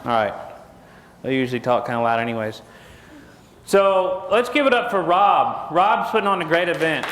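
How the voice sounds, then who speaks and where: A middle-aged man from Texas gives a jokey seminar talk, folksy in manner and constantly firing questions at the crowd. His voice is slightly high for a man, expressive, and moderately paced. A lapel mic captures him in a big hall with long, echoing reverb and some background noise.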